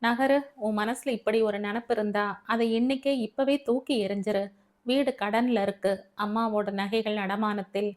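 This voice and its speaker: A woman's voice: mid-range voice, fairly even intonation, moderate pace, close to an everyday voice. A woman reading the lines of a young husband in an audio novel, in a bossy, scolding way. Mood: angry. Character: young husband, teasing then stern.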